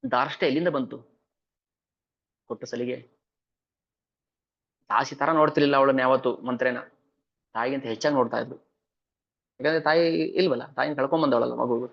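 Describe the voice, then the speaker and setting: A man's voice: mid-range voice, moderate pace, vocal fry, pauses often, highs cut off. A man giving a devotional scripture discourse, chanting verses and explaining them with rhetorical questions. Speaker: spiritual storyteller.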